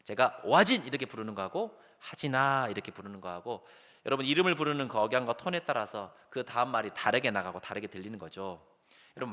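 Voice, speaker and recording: A middle-aged male pastor preaching a sermon, lively and animated, sometimes loud and sometimes dropping soft. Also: fairly low pitch. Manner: animated preaching, acts out calls in a raised voice, then drops soft. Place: church sanctuary. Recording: long hall reverb.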